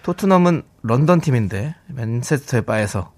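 A man's voice: mid-range voice, expressive, normal speed, a little mellow. A man hosting a radio show in a casual chatty way, reading out listener messages with upbeat energy. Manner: upbeat, reads out listener texts. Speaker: radio host.

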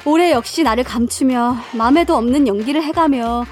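A woman playing the comic side of a scripted radio skit, dramatic and animated. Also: high-pitched, a little fast. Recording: faint music underneath.

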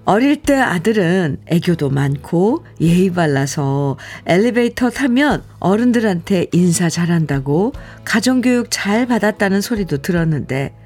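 A woman radio host reading a listener's letter aloud in a measured storytelling voice. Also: fairly low pitch, darkish tone.

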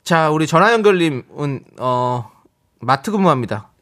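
A middle-aged man hosting a radio show, reading listener messages aloud in a calm, steady way. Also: fairly high pitch, normal speed. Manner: calm and steady, with short back-channel replies. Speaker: radio host.

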